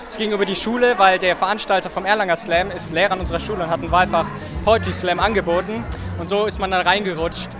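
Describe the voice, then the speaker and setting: A man's voice: high-pitched, fairly even intonation, quick pace, over music. A teenage young man performing rhymed poetry slam and talking about it in an interview. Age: teens. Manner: rhythmic, rhyming storytelling.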